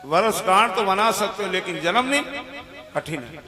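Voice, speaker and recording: A man's voice: sits high, lively intonation, normal speed. A male devotional storyteller telling a folksy, humorous moral story in a sermon, in a roomy hall with music behind.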